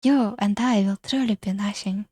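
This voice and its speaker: A woman voicing a gloomy, melancholy female vampire ghost from a dating game, speaking in a slow, airy, eerie way. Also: medium pitch, a little mellow, dry recording, studio quality, close to an everyday voice. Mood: mournful. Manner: slow, solemn, philosophical. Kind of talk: reading a game character aloud.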